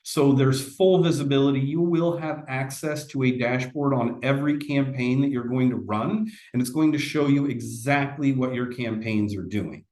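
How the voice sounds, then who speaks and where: A man's voice: mid-range voice, normal speed, few pauses, darkish tone, reverberant. A man giving a casual, conversational sales presentation in a webinar, often restarting his sentences.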